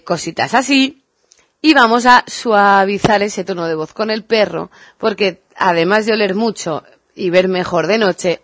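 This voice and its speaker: Female podcast host, calm explainer, mid pitch, dry recording. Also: no echo. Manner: calm, explanatory, addresses listeners directly. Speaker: dog trainer podcast host. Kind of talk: solo podcast talk.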